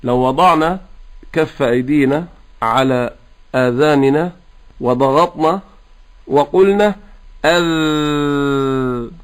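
A man teaching Quran recitation, explaining pronunciation rules patiently and chanting the verses in a slow, drawn-out melodic style. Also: mid-range voice. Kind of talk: tajweed lesson with recitation.

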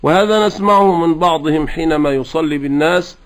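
Man, Quran recitation teacher, fairly high voice, patient explanations, slow melodic chanting. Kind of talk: tajweed lesson with recitation.

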